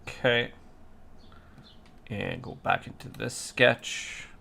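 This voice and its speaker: Very gravelly, slow-talking sleepy man. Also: lowish voice, pushed and bright. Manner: mutters to himself, repeats words like cool and yep. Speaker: designer working through a 3D model. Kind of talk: thinking aloud while working on a computer.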